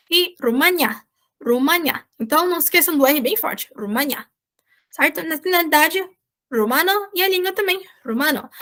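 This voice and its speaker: A woman's voice: sits high, pushed and bright. A Brazilian woman, a volunteer teacher, giving an online Spanish lesson and checking in often with her students. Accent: Brazilian Portuguese. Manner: explains patiently, checks in with "certo?". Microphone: video call.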